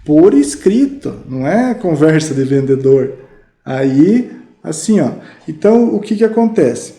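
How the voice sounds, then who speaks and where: A middle-aged Brazilian man with a Brazilian Portuguese accent, a podcast guest telling lively stories about his sales career, full of fillers. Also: on the high side, unhurried. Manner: animated, lively anecdotes with many fillers. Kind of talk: casual storytelling interview. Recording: roomy podcast studio.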